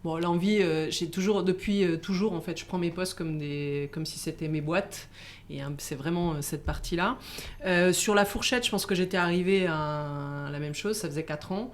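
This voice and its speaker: A middle-aged woman, born in Italy and raised in France, answering interview questions in a halting way with many fillers and restarts. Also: fairly low pitch, a little hiss or hum. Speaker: guest. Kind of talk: casual interview.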